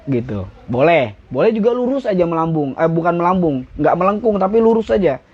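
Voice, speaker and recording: A man's voice: fairly high pitch, sing-song, fairly quick, slightly rough, highs cut off. A young man teaching flag ceremony steps in a casual live-stream lesson, joking and now and then barking out commands.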